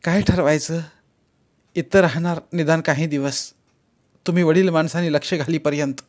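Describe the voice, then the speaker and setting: A man's voice: a little high, fairly even intonation, normal speed, a little mellow, pitched above the performer's own voice, natural voice. A wronged wife, adult woman, pleading and arguing in a raised, strained voice, voiced by a man reading a story. She sounds urgent and distressed. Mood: desperate. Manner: pleading, agitated.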